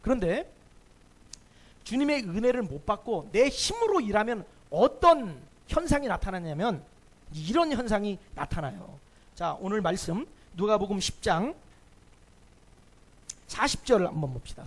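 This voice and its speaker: A male pastor delivering an emphatic sermon in a church. His voice sits high for a man and swings widely in pitch as he puts rhetorical questions to the congregation. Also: very animated, a little slow.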